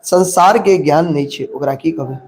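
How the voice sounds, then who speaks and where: A man's voice: fairly high pitch, moderate pace, darkish tone, slight background noise. A young man teaching an exam-prep lesson. He asks his own questions, answers them, repeats key words and checks understanding.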